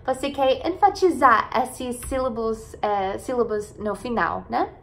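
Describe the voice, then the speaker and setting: A woman's voice: a little high, creaky. An American woman whose first language is English, teaching an online pronunciation lesson. She draws out each model word and keeps checking in with "ok?" and "né?". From United States. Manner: slow, drawn-out model pronunciations with frequent "né?" and "ok?" checks.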